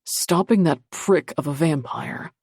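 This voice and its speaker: A woman's voice: sits low, a little slow, a little mellow, slightly rough, dry recording, studio quality. A woman voicing a blunt protective man. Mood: determined.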